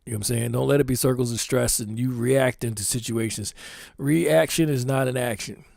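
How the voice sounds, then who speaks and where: A man's voice: medium pitch, brisk, gravelly, darkish tone, dry recording, studio quality. A man with a Philadelphia accent talking casually about his clothing designs, full of street slang and constant "you know what I'm saying.". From Philadelphia, United States. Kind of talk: casual talk to camera.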